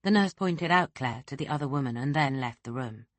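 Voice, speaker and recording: A woman narrating a thriller audiobook in a steady, unhurried way. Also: very deep voice, no echo. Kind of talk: scripted narration.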